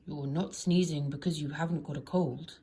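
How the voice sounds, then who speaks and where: A woman's voice: deep voice, steady tone, moderate pace, dark tone, breathy edge, pitched below the performer's own voice. A woman voicing a wise old male storybook wizard who speaks in an emphatic, commanding manner. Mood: knowing, dismissive. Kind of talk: storybook character voice.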